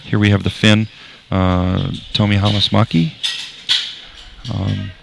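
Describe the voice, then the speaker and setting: A man with a Wisconsin accent commentating a sporting event, explaining calmly with frequent hesitations. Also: lowish voice, takes it slowly, gravelly. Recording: noisy broadcast feed.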